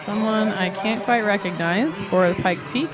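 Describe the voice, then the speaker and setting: A woman's voice: mid-range voice, moderate pace. Chatty woman calling roller derby over crowd. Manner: chatty, laughs often, jokes with co-host. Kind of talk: live play-by-play commentary. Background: crowd at a live derby bout.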